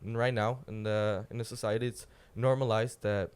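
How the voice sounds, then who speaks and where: Teen male podcast guest, Polish accent, non-native, halting with fillers, clean tone. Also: lowish voice, fairly even intonation, darkish tone, smooth. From Poland. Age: teens. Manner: searching for words, many fillers and restarts. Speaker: guest, student youth leader. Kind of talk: casual podcast chat.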